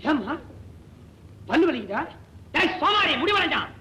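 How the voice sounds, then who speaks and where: An actor playing a chatty, teasing working-class man in a 1960s film comedy, scolding and joking in quick comic patter. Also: extremely high pitch, very animated, roomy sound, noisy background. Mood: chiding kind. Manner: joking, scolding, fast-talking.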